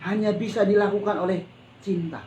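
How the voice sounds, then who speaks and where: A man's voice: high voice, fairly even intonation, a little fast, mellow. A man pastor preaching a sermon in a conversational, colloquial way, often calling out to his listeners and breaking in with exclamations. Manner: colloquial, with frequent exclamations and repetition. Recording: echoey hall with faint ambient noise.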